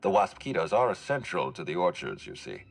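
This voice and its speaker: A suspicious, controlling orchard boss for a video game. His voice is low and very expressive in pitch. He speaks formally and deliberately, with clear authority. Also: exaggerated voice. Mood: composed authority. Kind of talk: video game character acting.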